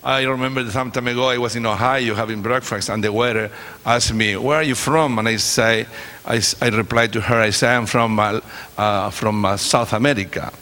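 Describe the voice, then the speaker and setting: Speaking from the stage of a big church, this guest preacher from Chile addresses the congregation in a loose, joking way, with frequent hesitations and a Chilean accent from his native Spanish. He has a sharp, medium-pitched voice, fairly even intonation and a moderate pace. Echo from the hall and congregation sounds can be heard.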